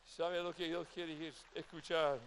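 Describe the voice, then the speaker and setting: Brief: male pastor, convention sermon, emotional, swings from loud to hushed, slow and gravelly. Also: fairly high pitch, little pitch movement, a little hiss or hum. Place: convention event.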